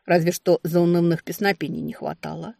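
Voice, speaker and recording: A woman narrating a fantasy novel in a wry, expressive storytelling manner, recorded on a close mic. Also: fairly low pitch, fairly quick, creaky, no room sound. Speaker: audiobook narrator.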